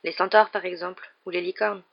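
A reader voicing a calm, serious schoolboy who talks quietly and plainly, in a dull lo-fi recording. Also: medium pitch, brisk, vocal fry.

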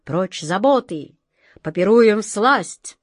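A woman voicing a bold, bossy female pirate chief in a storybook reading, giving slow drawn-out commands. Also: medium pitch, animated, no room sound, clean studio sound. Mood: triumphant.

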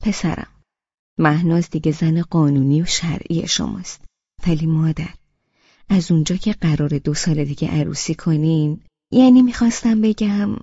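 A woman voicing a fond old grandmother who talks in a halting, motherly way, in an audiobook. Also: low voice, mellow, slightly rough, dry recording, lo-fi sound. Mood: hesitant. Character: sweet chatty old grandmother, hesitant and fond. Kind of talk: audiobook character reading.

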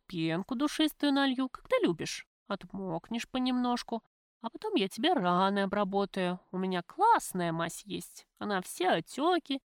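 A woman voicing a streetwise young woman who scolds her friend bluntly in rough slang, for an audiobook. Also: mid-range voice, no room sound, clean studio sound, lightly acted. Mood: urgent scolding.

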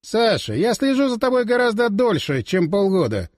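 A man doing a mocking, condescending schemer. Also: normal speed. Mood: patronizing. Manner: relaxed, sarcastic, higher put-on voice. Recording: long reverb tail.

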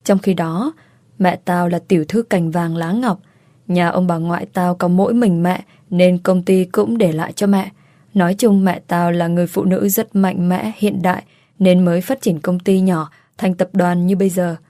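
A woman's voice: fairly low pitch, steady tone, normal speed, dark tone, dry recording, lightly acted. A woman voicing a blunt, loyal young woman friend who talks brash and teasing, with crude slang. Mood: somber.

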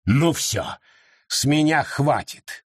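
A man voicing a gruff, domineering older brother in an audiobook, speaking harshly and with scorn. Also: a little high, sing-song, slow pace, dry recording, clean studio sound, heavily acted. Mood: threatening. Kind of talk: audiobook reading.

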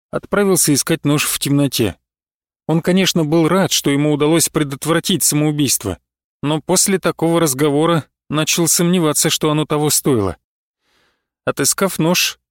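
A man reading a fantasy novel aloud in a measured pace, slowing down for tense moments, on a close studio mic. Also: fairly high pitch, dry recording. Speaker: audiobook narrator. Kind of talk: scripted fantasy narration.

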